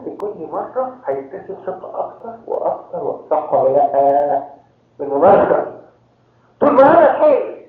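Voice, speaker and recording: A man from Cairo with an Egyptian accent, a priest preaching a sermon and quizzing his listeners with rhetorical questions. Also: sits high. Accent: Egyptian Arabic. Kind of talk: sermon to a congregation. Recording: very echoey tinny phone-like hall recording.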